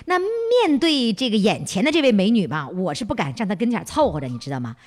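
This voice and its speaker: A woman's voice: medium pitch, very animated, fairly quick, darkish tone. A woman with a Northeastern Chinese accent hosting a chatty radio interview, exclaiming, teasing and firing questions. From Northeast China. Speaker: radio programme host. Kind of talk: lively chatty on-location interview.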